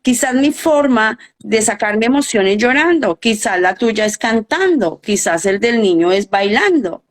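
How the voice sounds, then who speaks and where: A woman's voice: fairly high pitch, animated, measured pace, hardly any pauses. A middle-aged woman, a coach and educator, earnestly explaining her ideas in a live interview and often asking rhetorical questions.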